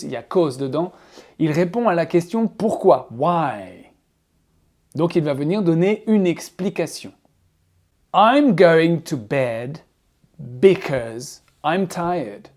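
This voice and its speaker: Slow-paced teacher. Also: male voice, a little high, darkish tone. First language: French. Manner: playful, self-mocking asides; slow, exaggerated English examples. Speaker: English teacher. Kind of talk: casual video lesson. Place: alone in a room, not a classroom.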